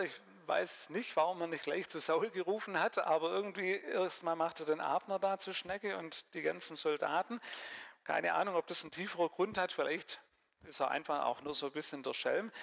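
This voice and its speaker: A man's voice: high voice, vocal fry, a bit bright. A man giving a conversational sermon, reading a Bible passage and asking his listeners questions. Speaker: preacher. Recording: long hall reverb.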